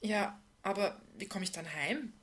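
A woman voicing a nervous, hesitant woman in her thirties who answers quietly and briefly. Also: medium pitch, animated, unhurried. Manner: quiet, subdued, muttering.

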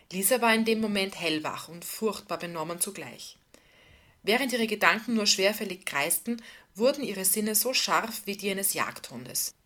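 Woman narrating a novel calmly. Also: mid-range voice. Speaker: audiobook narrator. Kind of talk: scripted narration.

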